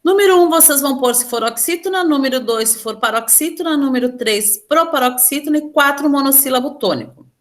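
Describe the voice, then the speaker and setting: A woman's voice: high-pitched, animated, a little fast, hardly any pauses. A woman teacher with a Brazilian Portuguese accent, patiently explaining a grammar lesson step by step and questioning her students. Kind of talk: online class lesson.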